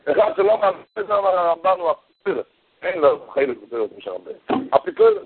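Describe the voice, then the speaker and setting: A man giving a storytelling sermon, animated, his voice leaping high whenever he acts out the people in his story. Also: a little hiss or hum. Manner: animated storytelling, voice jumping high for quoted characters. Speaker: rabbi giving a Torah talk. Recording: tinny phone-like radio broadcast.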